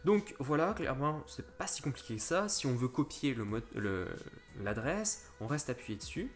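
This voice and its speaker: This man's mid-range voice swings widely in pitch as he hosts a relaxed crypto tutorial at a moderate pace, faint music underneath. He talks straight to viewers, explains the app step by step, and often restarts, with plenty of fillers.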